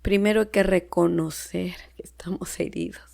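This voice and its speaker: A woman with a Peruvian Spanish accent, a podcast guest, shares an earnest personal testimony in casual conversation, often dropping to a near-whisper. Her voice is on the low side, creaky and a little mellow, with a steady tone and moderate pace.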